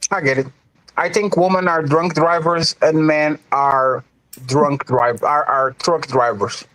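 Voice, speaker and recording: A man's voice: a little high, steady tone, measured pace, fairly bright tone, low-quality recording. A man hosting his own stream, talking casually and hammering points home by repeating them. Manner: emphatic, repeats himself. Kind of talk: casual online debate chat.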